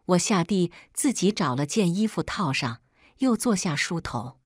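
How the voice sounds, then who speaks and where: A woman storyteller reading a first-person story in a brisk, wry way. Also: fairly low pitch, expressive, breathy edge, no echo, clean studio sound.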